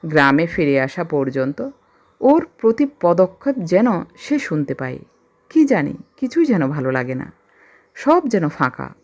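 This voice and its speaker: A woman storyteller reading a classic story aloud with an expressive, emotional delivery. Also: medium pitch, lo-fi sound.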